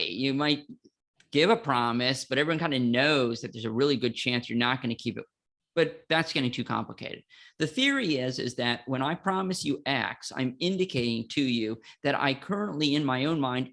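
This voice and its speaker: A man's voice: medium pitch, fairly bright tone. A middle-aged man co-hosting a podcast, explaining law in a playful, self-mocking chat. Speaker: podcast co-host, law teacher.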